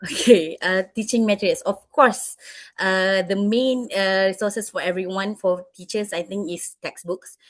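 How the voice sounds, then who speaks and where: A Malaysian woman who teaches English is being interviewed by students and answers their questions haltingly. She speaks Malaysian English at a medium pitch with a steady tone, hesitating often with many fillers and restarts, and the recording is dry.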